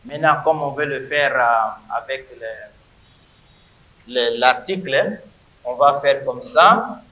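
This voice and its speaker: A man's voice: medium pitch, takes it slowly, pushed and bright, echoey room, low-quality recording. A man teaching a Hebrew grammar lesson to a class, emphatic and repeating words to drill them.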